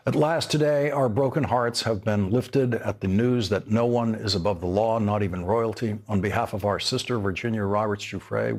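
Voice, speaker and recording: An older man delivering scripted news commentary as an anchor, emphatic and indignant with deliberate phrasing. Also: lowish voice.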